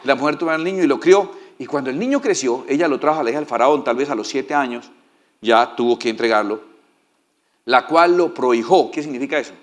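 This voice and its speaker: A man's voice: mid-range voice, a little fast. A male pastor preaching a sermon in a folksy, joking way and often asking the congregation for agreement.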